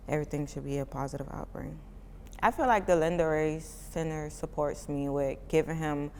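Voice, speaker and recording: A young mother from Miami, in her twenties, chats casually through an interview as a parent giving a testimonial, leaning on "like" almost constantly. Her pitch sits on the low side for a woman. The recording has a faint hiss and a long reverb tail on every phrase.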